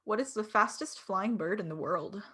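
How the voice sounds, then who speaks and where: A woman's voice: mid-range voice, moderate pace, fairly bright tone, husky, faint music behind. Young woman running trivia over video call, giggly, says like a lot. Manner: giggly, chatty, with filler words. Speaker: webinar host. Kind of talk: casual chat running online trivia.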